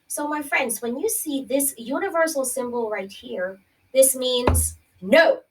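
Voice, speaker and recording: A high-voiced woman teacher reads a children's health lesson without hurry, speaking to the kids directly and pausing to explain, question, and ask "okay?" or "right?". The mic is distant and the audio poor.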